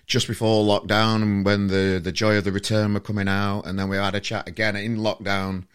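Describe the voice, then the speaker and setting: A podcast host chats casually and rambles, restarting often and laughing a lot, while sounding irritable with his voice giving out. He speaks fairly quickly in a fairly low, flat voice with a clean tone.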